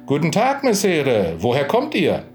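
A man voicing sly male highway rogues who talk in a mocking, wheedling way. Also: wildly swooping pitch, unhurried, a little mellow, soft background music.

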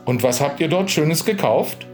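A man voicing sly male highway rogues who talk in a mocking, wheedling way. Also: lively intonation, normal speed, faint music behind, lightly acted.

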